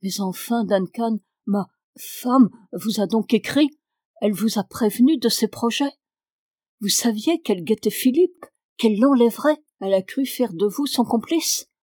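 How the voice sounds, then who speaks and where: A woman's voice: medium pitch, a little slow, a little mellow, no room sound, clean studio sound, lightly acted. A woman reading the part of an anguished, agitated father who pleads urgently in a raised voice, in an audiobook. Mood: pleading.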